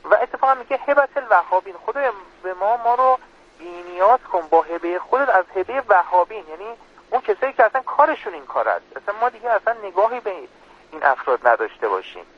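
A man's voice: high voice, big pitch swings. Earnest man explaining a prayer, lo-fi. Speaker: religious guest speaker. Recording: dull lo-fi radio sound.

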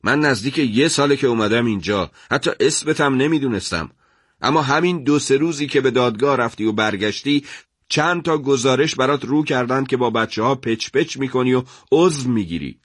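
Man doing a bullying prison major, raised voice, louder and higher than his narration, dry close sound. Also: lively intonation, no room sound. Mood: angry, scolding. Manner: shouting, bullying, then coaxing. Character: angry, threatening male prison major. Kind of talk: radio storytelling.

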